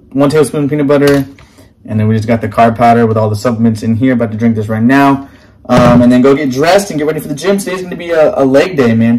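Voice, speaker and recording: A man's voice: mid-range voice, darkish tone, a little hiss or hum. A man in his twenties chatting casually to camera as a fitness vlogger, laid-back and saying bro and man a lot. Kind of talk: casual vlog talk to camera. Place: home kitchen, indoors.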